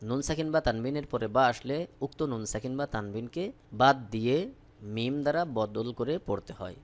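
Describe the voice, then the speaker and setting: A man with a Bangladeshi accent teaching Arabic recitation, spelling out each syllable slowly and then repeating the joined word. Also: medium pitch. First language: Bengali.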